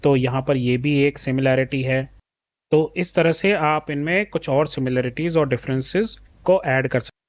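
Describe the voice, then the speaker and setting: A man's voice: mid-range voice, dry recording. A man teaching a children's maths lesson, patiently explaining a textbook and calling the pupils "beta". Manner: reads English questions slowly, then explains in Hindi.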